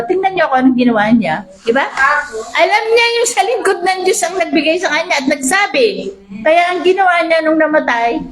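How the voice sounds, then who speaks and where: A woman preacher giving a lively sermon, reading Bible verses and often asking the congregation "di ba?". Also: high voice. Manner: asks the congregation "di ba?" often, animated. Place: church hall. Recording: echoey church hall.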